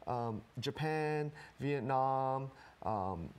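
Young guy on a tv set explaining stuff, measured, mid voice, lapel mic. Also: medium pitch, lively intonation, clean tone. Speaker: community guest. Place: TV studio kitchen set.

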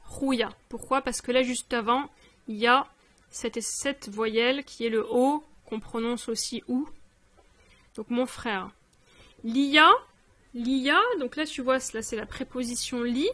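Slow, patient higher-voiced woman teaching. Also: fairly even intonation, fairly bright tone. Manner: patient, addresses learner informally, repeats examples. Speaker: language teacher. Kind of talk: explaining grammar lesson.

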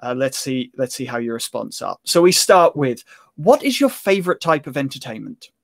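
A man hosting an interview show, asking set questions in a measured way. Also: mid-range voice, big pitch swings, creaky, no echo, clean studio sound.

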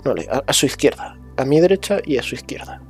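A man from muses aloud, full of restarts and little fillers. He drifts between a hushed murmur and a brighter, livelier tone. Faint music plays underneath. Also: medium pitch, big pitch swings, fast talker. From Spain. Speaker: vlogger. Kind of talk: rambling casual monologue.

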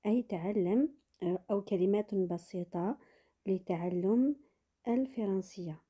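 A woman teaching French phrases in a lesson, saying model sentences slowly and repeating them, with quick explanations in between. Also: medium pitch, dark tone, breathy edge. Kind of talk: bilingual language lesson.

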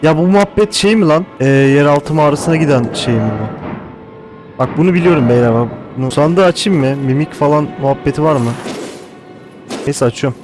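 A man giving casual gameplay commentary, excitable and thinking out loud, with casual swearing. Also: on the high side, fairly quick, over music, poor audio. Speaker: gaming host.

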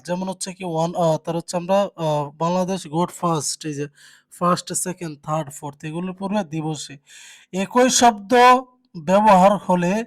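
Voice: medium pitch, a little mellow. A teacher giving an exam-prep grammar lecture, posing questions to the class and answering them at once, often checking in with "okay?". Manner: asks rhetorical questions and answers them, frequent check-ins.

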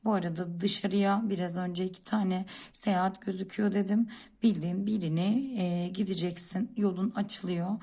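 A woman's voice: medium pitch, steady tone, moderate pace, dark tone. A woman speaking as a coffee-cup fortune teller, giving unscripted predictions and advice directly to one listener in a searching way.

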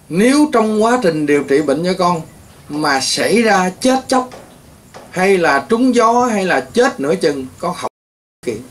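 High-voiced scolding priest. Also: male voice, slight background noise. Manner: scolding, rambling, exclaims often. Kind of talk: scolding talk to patients.

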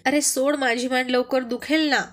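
A good-natured young man who jokes easily with his friend, as a woman reads him. Told as a spoken family story, in a somewhat high voice. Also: normal speed, a bit bright, close to an everyday voice. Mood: friendly.

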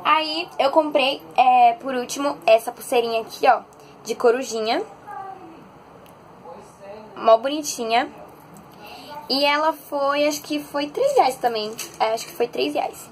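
High-pitched paulista girl vlogging her haul, chatty and excitable, faint hiss behind. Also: unhurried, long pauses. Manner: chatty and excitable, animated storytelling. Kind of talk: casual haul vlog. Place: bedroom at home.

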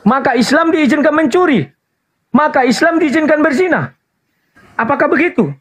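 Over slightly muffled online call audio, a man argues heatedly about religion, insisting on taking turns and laying out his position. His extremely high-pitched voice is animated and a bit bright at normal speed, and he keeps demanding his turn to speak.

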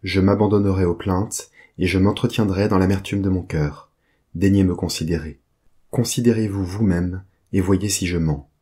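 A man giving a poetry reading, a steady recitation that also reads out titles and poem numbers. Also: low-pitched, normal speed, slightly rough. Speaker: reader.

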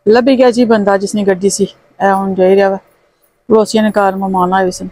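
A woman's voice: mid-range voice, steady tone, fast talker, dark tone. A Pakistani woman chatting casually and expressively as she vlogs about her day in a homely way. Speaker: vlogger. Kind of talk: casual vlog chat. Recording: noisy phone vlog with vehicle sounds.

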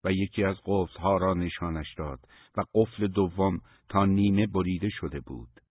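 A male audiobook narrator reads a novel in a measured, even way. His voice is low and husky. The recording is dry and thin like a phone line. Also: no echo. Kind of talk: scripted narration.

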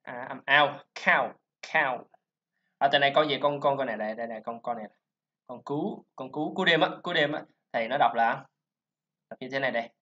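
Male teacher, slow, drills sounds repeatedly; muffled lo-fi audio. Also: medium pitch, a bit bright. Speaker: English pronunciation teacher. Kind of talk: screen-recorded lesson talk. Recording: dull lo-fi voice recording.

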